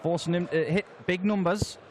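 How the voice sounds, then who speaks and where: A man's voice: sits high, fairly even intonation, moderate pace, noisy background. A man commentating on darts, chatty and analytical with the odd joke. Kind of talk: sports commentary. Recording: commentary booth with crowd behind.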